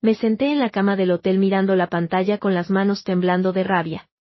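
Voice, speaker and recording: A woman narrating a first-person family story in an even, measured way. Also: mid-range voice, no echo. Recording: dull, dry lo-fi recording.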